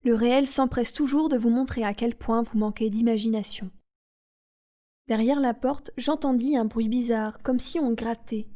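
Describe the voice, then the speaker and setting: A woman reading a novel aloud in a calm, soothing audiobook narration. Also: on the high side. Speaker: audiobook reader.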